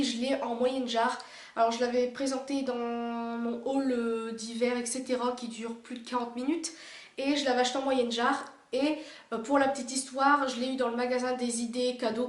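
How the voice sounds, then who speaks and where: Showing off her collection in an indoor room near a window, a young female vlogger who has a cold talks in a casual, gushing way full of fillers. Her high-pitched voice carries a roomy sound.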